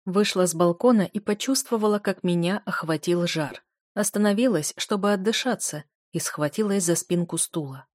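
A woman reading first-person fiction aloud as an audiobook narrator, in a steady, measured storytelling manner. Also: on the low side, no echo, studio quality.

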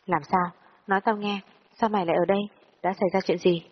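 A woman's voice: medium pitch, steady tone, fast, breathy edge, natural voice. A woman voicing a furious, foul-mouthed older female friend who scolds and swears at a younger girl in a storybook reading. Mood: exasperated. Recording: dull lo-fi audio with long reverb.

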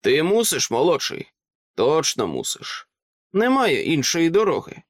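A man's voice: fairly high pitch, wildly swooping pitch, a little slow, no room sound, studio quality, pitched above the performer's own voice, exaggerated voice. A man doing a mocking killer brother. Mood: insistent. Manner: taunting, sarcastic.

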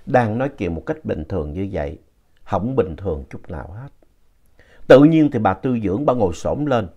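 A man narrating a ghost story in a slow, retelling manner. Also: on the low side, big pitch swings, warm tone, lo-fi sound.

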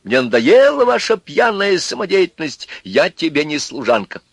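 A man voicing a sharp-tongued, scornful middle-aged wife in an audiobook reading. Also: fairly high pitch, big pitch swings, moderate pace, gravelly, breathy edge, no echo, pitched above the performer's own voice, heavily acted. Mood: accusing. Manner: scornful, mocking.

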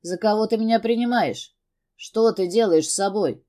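A woman's voice: normal speed, mellow, close to an everyday voice. Woman reading a stern, angry man. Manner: low, clipped, through gritted teeth. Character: stern, angry young man, the heroine's boss.

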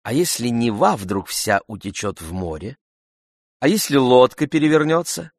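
A man reading an audiobook, voicing a playful, mischievous young woman in a raised, lively voice. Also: medium pitch, moderate pace, dry recording, studio quality, pitched above the performer's own voice. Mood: teasing.

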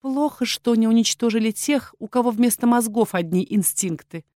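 A woman's voice: fairly high pitch, expressive, moderate pace, darkish tone, dry recording, clean studio sound, pitched above the performer's own voice, natural voice. A woman reading a storybook voices a sly young cat-shifter woman with honeyed, purring sarcasm. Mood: sugary mockery.

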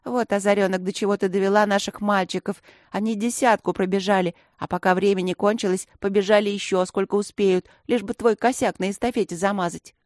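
A woman voicing a sharp-tongued, mocking teenage schoolgirl who taunts in a sing-song way in a storybook reading. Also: mid-range voice, steady tone, brisk, few pauses, no echo, clean studio sound, close to an everyday voice.

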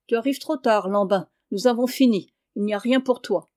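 A woman's voice: fairly high pitch, normal speed, darkish tone, close to an everyday voice. A woman reading the part of a stern, harsh peasant father who scolds and mocks his sons. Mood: scolding. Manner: gruff, scolding, mocking.

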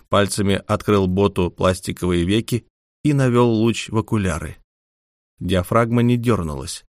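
A man's voice: lowish voice, no echo, studio quality. A man reading scripted fiction as an audiobook narrator.

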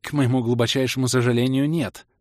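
A man's voice: medium pitch, steady tone, darkish tone, no echo, studio quality, natural voice. A man voicing a stern, dignified grey-haired female gnome librarian who speaks formally and loftily. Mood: formal, conspiratorial. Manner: formal, measured, lofty speech.

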